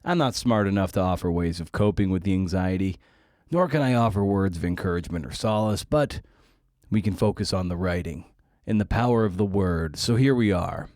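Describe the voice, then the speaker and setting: Low-pitched and brisk, with a darkish tone, this man hosts a casual podcast recorded cleanly in a studio without echo. He is wry and leans on rhetorical questions during monologue and interviews.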